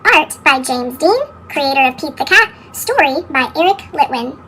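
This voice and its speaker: This picture-book reader's voice has been sped up into a high-pitched chipmunk sound as she narrates for small children at normal speed. She exclaims, poses questions and answers them, and sings refrains, with slight background noise present.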